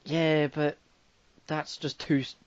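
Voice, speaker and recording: A man's voice: fairly high pitch, little pitch movement, slow pace, clean tone, no room sound. A young man with an Irish accent co-hosting a podcast, cracking dry jokes and hesitating with fillers. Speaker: podcast co-host. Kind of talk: casual chat. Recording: dull lo-fi dry sound.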